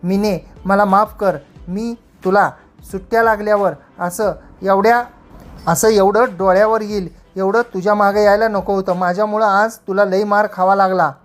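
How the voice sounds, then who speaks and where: A woman's voice: mid-range voice, steady tone, moderate pace, soft background music, natural voice. A woman reading as a sorry young village lover. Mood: remorseful. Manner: apologetic rustic speech. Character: remorseful young village man writing a letter.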